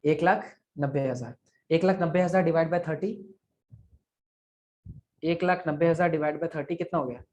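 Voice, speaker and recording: A man's voice: on the high side, measured pace, pauses often, darkish tone. Male sales mentor, live online class, coaching tone, works through sums aloud over a video call. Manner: coaching, repeats figures aloud, asks "ठीक है?". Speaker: affiliate marketing sales trainer. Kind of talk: live online training session.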